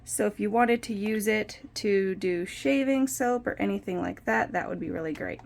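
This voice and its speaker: A young woman in a relaxed how-to vlog, talking through her work step by step in a chatty, self-deprecating way. Her mid-pitched voice often drops into a gravelly fry. She sounds close to a phone propped on a windowsill indoors at home. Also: normal speed. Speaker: soap maker and channel host.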